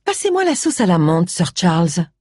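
A reader voicing a stern, commanding pastor's wife in a high, clipped voice. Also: female voice, sing-song, normal speed, a little mellow, slightly rough, dry recording, clean studio sound. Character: stern older woman hostess, the pastor's wife.

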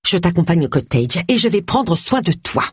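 A reader voicing Roy, a vain young man who talks up his own importance in a high, breathless voice. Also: expressive, moderate pace, no room sound, studio quality. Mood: pompous. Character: vain young man, showy self-promoter.

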